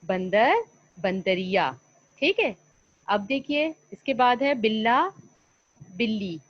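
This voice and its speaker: A woman's voice: fairly high pitch, expressive. A woman teacher giving an online lesson to young children, coaxing them along by asking questions and answering them herself. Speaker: primary school teacher. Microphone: computer mic on an online class call. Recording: slightly dull lo-fi online call audio.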